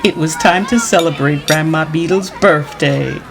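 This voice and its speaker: A woman narrating a storybook trickster tale with dramatic, deliberate emphasis. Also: low voice, vocal fry, crowd noise, background noise.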